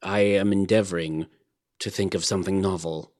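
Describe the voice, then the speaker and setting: A man's voice: mid-range voice, huge pitch swings, slow, heavily acted. A man voicing a meek dwarf court jester in a storybook, speaking in a subdued, abstracted way. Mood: subdued, innocent.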